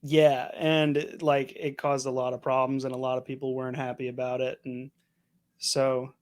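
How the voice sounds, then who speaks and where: A man's voice: mid-range voice, monotone, normal speed. A young man co-hosting a podcast, chatting casually and rambling with lots of "like". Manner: rambling, uses "like" a lot. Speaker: podcast co-host. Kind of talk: casual chat.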